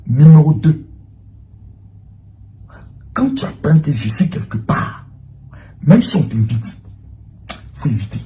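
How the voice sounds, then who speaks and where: A man giving an impassioned, accusatory monologue, swinging between loud outbursts and hushed lines. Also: mid-range voice, slight background noise. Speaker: public figure answering a former protégée.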